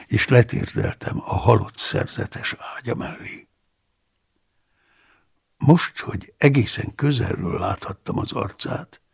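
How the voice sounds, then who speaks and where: Gravelly, husky male audiobook narrator. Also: fairly low pitch. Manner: measured, somber, often hushed. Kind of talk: first-person audiobook narration.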